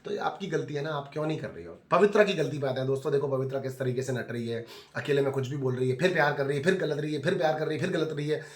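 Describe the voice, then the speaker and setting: A man's voice: mid-range voice, racing. A man giving casual commentary on a reality show, chatty and scolding the people on it directly. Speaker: reality TV reviewer. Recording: echoey room.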